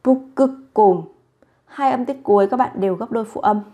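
A woman teaching vocabulary, reading each word slowly and repeating it three times with careful pronunciation. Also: fairly high pitch, warm tone. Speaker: language teacher. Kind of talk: vocabulary drill, slow and repetitive.

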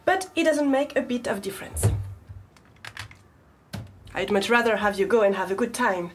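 An actress's natural, mid-range voice is expressive and moderately paced as she plays a prim, wounded woman. In a naturalistic film exchange in a home living room, she treats her boyfriend with icy, passive-aggressive politeness and sarcastic self-pity. Roomy echo and a faint hum sit under the recording.

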